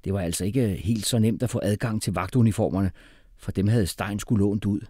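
A man's voice: on the low side, warm tone, breathy edge, no echo, studio quality. A man voicing a muddled, cheerful uncle who hesitates a lot. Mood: bumbling. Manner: hesitant, lots of "øh".

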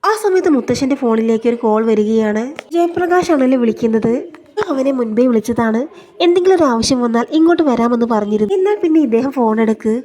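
A woman narrating a serial episode recap in a steady storytelling way. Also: a little high, quick pace.

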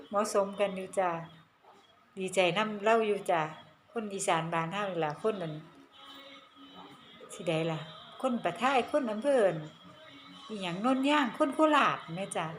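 A woman's voice: medium pitch, a little hiss or hum. A middle-aged woman with an Isan Thai accent, chatting in a casual vlog with lots of laughter and teasing. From Northeast Thailand. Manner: animated, laughs often, teasing. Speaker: vlogger. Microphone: handheld phone camera.

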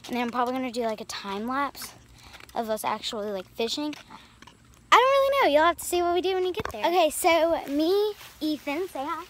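She's high-pitched, brisk, and very animated, chatting outdoors by a small creek with lots of filler words. It's an upbeat, rambling vlog shot on a handheld camera, with a touch of hiss or hum.

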